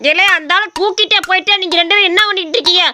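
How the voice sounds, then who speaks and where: A woman's voice: very high voice, rapid-fire, bright, forceful tone, a little hiss or hum, heavily acted. A woman voicing a cheeky, cocky young village man who teases others and brags in a cartoon story. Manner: mocking, boastful.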